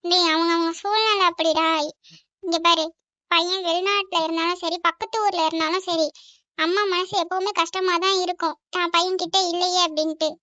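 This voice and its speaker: A woman's voice: very high voice, fairly even intonation, normal speed, pushed and bright, no echo, muffled recording. A woman voicing a tearful, clingy middle-aged mother in a cartoon, talking in a sorrowful, pleading way. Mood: sad. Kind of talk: cartoon voice acting. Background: music.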